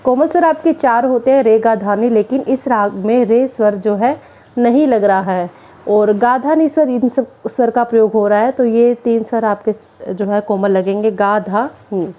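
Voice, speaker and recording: Mellow-voiced woman teaching music theory. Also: on the high side, moderate pace, lo-fi sound. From Haryana, India. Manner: explains step by step, restating terms with simple definitions. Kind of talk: classroom-style music theory lesson.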